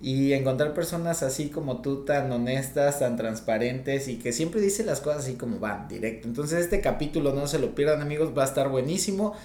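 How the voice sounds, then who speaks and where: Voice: mid-range voice, brisk, few pauses, warm tone, a little hiss or hum. Podcast host in an echoey room. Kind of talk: casual interview chat.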